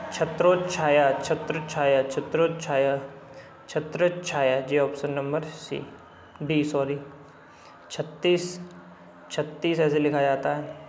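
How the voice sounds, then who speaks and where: A man's voice: fairly high pitch, echoey room, a little hiss or hum. Man tutoring spelling, repeating each word. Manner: repeats words over and over, informal asides. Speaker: Hindi exam tutor. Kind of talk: spelling lesson walking through a book.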